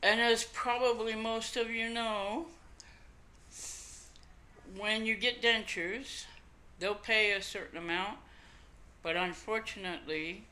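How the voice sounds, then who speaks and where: Slow, toothless older woman, lips over gums. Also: mid-range voice, pushed and bright. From Canada. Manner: rambling, folksy, self-deprecating. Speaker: podcast host. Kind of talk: casual chat to camera. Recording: noisy amateur home computer recording.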